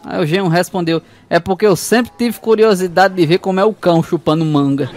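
High-voiced joke-telling man. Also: fairly quick, a little mellow, a little hiss or hum. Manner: chuckles through punchlines, acts out voices. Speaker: stand-up comedian. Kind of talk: telling mother-in-law jokes.

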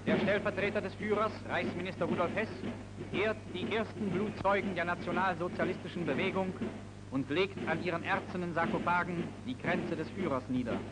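A man's voice: high voice, fairly quick, long pauses, low-quality recording. A man narrating a 1939 newsreel in a solemn, declamatory manner. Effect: old newsreel narration. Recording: old newsreel soundtrack over loud music.

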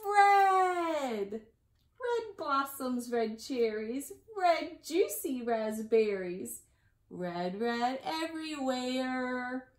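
A woman in her forties with a high voice reads a picture book to young children for library storytime. She goes very slowly in a sing-song style, stretching and stressing the key words, recorded in a small, echoey room at home with the mic slightly distant.

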